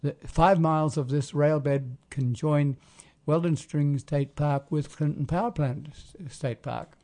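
A man hosting a casual community radio talk, rambling and often pausing to search for words. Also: on the high side, steady tone, a little mellow. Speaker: radio show host.

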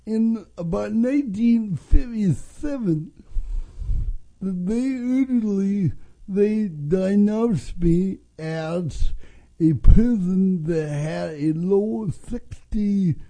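A man in his fifties with a North Dakota accent speaks in a high, very dark and soft-edged voice. He is a radio interview guest telling a personal story, and his phrases come slowly and haltingly. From North Dakota, USA. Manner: halting, broken phrasing with restarts. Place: radio studio. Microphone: studio microphone.

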